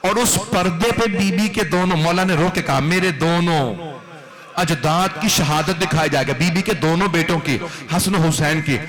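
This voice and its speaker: A man from Pakistan, a cleric with a Pakistani Urdu accent, delivering a mourning sermon in a chanting, wailing style that rises to high cries. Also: moderate pace, a crowd in the background, poor audio. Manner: wailing, rising to high-pitched cries when quoting mourners; sung, chanting delivery of lament. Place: large mosque hall at a mourning gathering.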